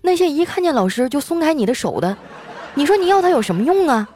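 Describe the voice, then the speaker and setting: A woman voicing a male high school teacher who speaks in an earnest, lecturing way. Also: sing-song, fast talker, a little mellow, soft background music, a faint crowd.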